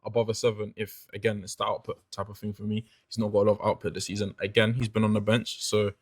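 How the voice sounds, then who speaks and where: A man's voice: on the low side, level tone, quick pace, husky, no echo. A young man in casual football chat, earnest and stubborn as he defends his opinions.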